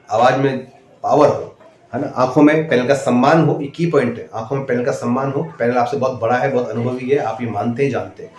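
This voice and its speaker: A man's voice: medium pitch, a little mellow. Hindi-speaking man coaching in an echoey room. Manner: repeats "है ना" as a tag, direct and instructive. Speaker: interview coach. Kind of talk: casual advice video. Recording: echoey room, faint ambient noise.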